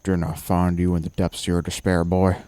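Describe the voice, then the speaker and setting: A man's voice: low-pitched, little pitch movement, a little fast, dark tone, no echo, close to an everyday voice. A man voicing the scornful ghost of an older man, mocking and barking his words. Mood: sneering.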